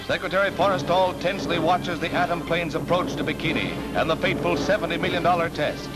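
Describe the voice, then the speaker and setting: A man's voice: fairly high pitch, quick pace, low-quality recording. A man giving dramatic, emphatic 1940s newsreel narration on an old newsreel soundtrack. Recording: old newsreel narration over loud music.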